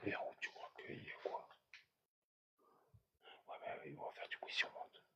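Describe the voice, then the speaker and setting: A man whispering through a live stream from an abandoned building at night, greeting viewers and talking in a hushed, tense voice. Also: moderate pace, dull audio.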